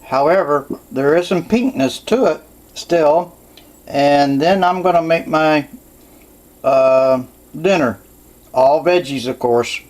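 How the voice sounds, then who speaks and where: A man's voice: on the high side, slow, a little mellow, rough recording. A man doing a casual home cooking demonstration in his kitchen, plainspoken and correcting himself as he goes.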